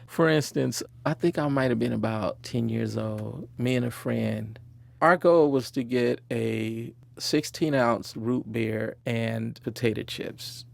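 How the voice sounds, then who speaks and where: A man's voice: mid-range voice, takes it slowly, vocal fry, dry recording. A man being interviewed, recalling his childhood in a reflective way and chuckling now and then. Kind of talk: personal storytelling interview.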